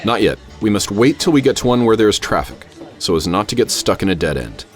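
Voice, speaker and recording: A low-voiced man narrates radio theater in the first person as its lead character, an adventurous, wary gentleman professor recounting his exploits. His delivery is measured, literary and theatrical, wary yet commanding, with big pitch swings, and music plays behind him.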